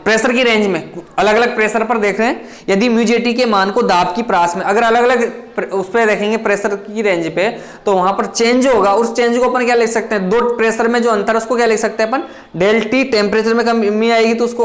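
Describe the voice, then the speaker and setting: A man teaching chemistry, dictating notes line by line and repeating key phrases, quick between the dictation. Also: high-pitched. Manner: talks fast between dictation. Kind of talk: blackboard lecture.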